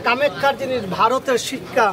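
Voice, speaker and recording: Man, street charm seller, very high voice, insistent repetitive pitch, noisy outdoor crowd. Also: fairly even intonation, fairly quick. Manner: insistent, repetitive patter in short phrases. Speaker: street hawker selling amulets and herbal charms. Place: outdoors at a busy public spot. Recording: busy outdoor street, loud crowd and traffic.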